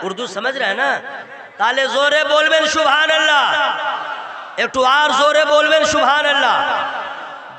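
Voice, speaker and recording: A man preaching at a public religious gathering, swinging between soft joking asides and loud shouted preaching, teasing the crowd for responses. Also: very high-pitched. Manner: humorous, teasing the audience and coaxing responses. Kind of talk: Islamic sermon at a public gathering. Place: open-air religious gathering.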